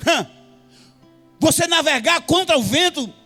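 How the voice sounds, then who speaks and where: A man's voice: very high voice, expressive, measured pace, sharp tone. A man preaching a sermon in church with a Brazilian Portuguese accent, impassioned and sing-song, with frequent hallelujahs. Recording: faint music behind.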